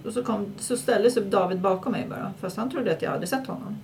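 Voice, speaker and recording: Animated woman telling anecdotes. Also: mid-range voice, slight background noise. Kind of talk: casual podcast chat, storytelling.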